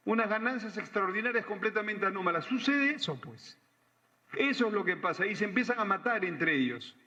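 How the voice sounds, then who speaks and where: Minister guy, bright higher voice, explains slowly with lots of "eh", echoey hall, bit muffled. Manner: measured, explanatory, hesitant fillers. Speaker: government minister at a press conference. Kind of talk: formal press briefing. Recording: reverberant room, slightly dull broadcast sound.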